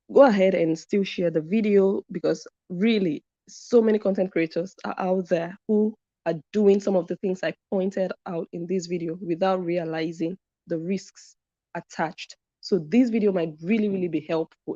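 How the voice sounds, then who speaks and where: On a live stream, a commentary channel host reads out viewers' comments and hammers her points home by repeating them. Her warm, mellow voice sits slightly low, and the dry, somewhat dull recording has a lo-fi edge with no echo.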